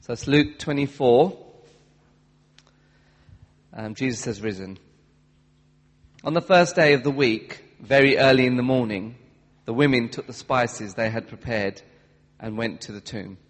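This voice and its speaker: A man reading a Bible passage aloud to a church congregation, steady and careful. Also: mid-range voice, a little slow. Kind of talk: scripture reading. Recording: long hall reverb.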